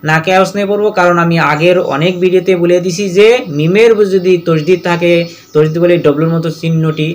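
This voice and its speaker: A man leads a Quran reading lesson. He spells out every letter and vowel mark one by one, then recites each verse in a slow, drawn-out way. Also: sits high, fairly even intonation.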